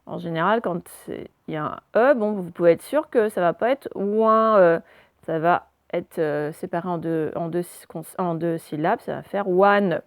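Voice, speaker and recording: Woman, teacher, phonics lesson, spells letters slowly, dry close sound. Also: lowish voice, no echo.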